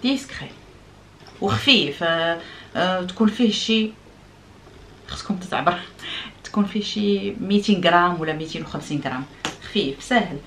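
A woman's voice: fairly low pitch, lively intonation, brisk, pauses often, fairly bright tone, slight background noise. A middle-aged woman with a Moroccan accent, chatting casually to her viewers, explaining and demonstrating things with French words mixed in. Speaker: vlogger.

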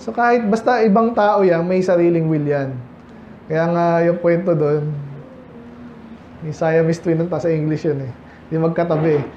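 A man's voice: on the high side, normal speed, pauses often, a little mellow, slight background noise. A man with a Filipino accent preaching a sermon as pastor, talking in a conversational way and reading Bible verses in English. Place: church hall. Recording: echoey church, dull lo-fi sound.

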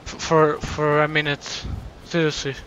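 Bright-voiced excitable male streamer. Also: a little high, measured pace, muffled recording, a little hiss or hum. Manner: stumbling, repeats words while talking; warm, thankful, excited. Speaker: live streamer. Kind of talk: casual live-stream chat.

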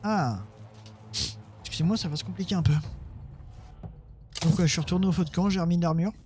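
A man chats his way through a turn-based strategy game, muttering orders at his units and poking fun at his own play. The tone is loose and offhand. Quiet game music plays beneath his voice. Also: high voice, a little fast. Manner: muttering, self-mocking, talks to his units. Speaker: let's play gamer. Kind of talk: casual gameplay commentary.

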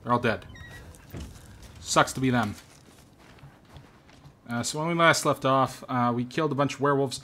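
A man hosting a horror game playthrough in a bright, sharp voice. He mutters and grumbles to himself, swears freely, and now and then bursts into a startled shout. A faint hiss sits behind him. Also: mid-range voice, normal speed, pauses often. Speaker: host. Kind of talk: profane gaming commentary.

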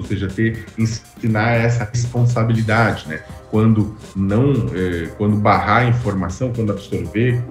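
A man's voice: mid-range voice, reverberant. A man in his thirties from Brazil, a guest explaining at length on a video call, hesitant, with many restarts and rising emphasis. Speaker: interview guest. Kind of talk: explanatory interview answers. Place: home room with framed pictures on wall. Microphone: webcam video call.

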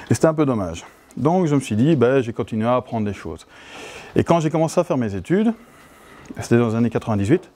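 A man's voice: medium pitch, dark tone. A middle-aged Belgian man with a Belgian French accent giving a conference talk, chatty and self-mocking. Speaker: conference speaker. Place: conference hall.

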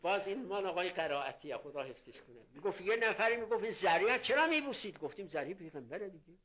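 An older male cleric with a high, bright-ish voice and lively intonation delivers a religious sermon. He reads Arabic phrases and explains them in plain Persian, weaving in anecdotes.

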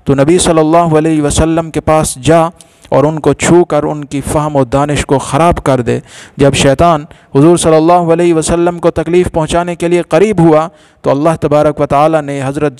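A man's voice: fairly high pitch, a little mellow, clear, resonant tone, no echo. Man narrating a religious story, dry close sound. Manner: measured, formal storytelling.

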